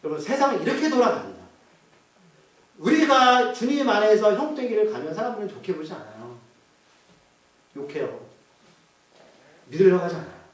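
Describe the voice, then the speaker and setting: A male pastor giving an animated sermon, often putting questions to the congregation. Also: sits high, brisk, pauses often. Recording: echoey church hall from far off.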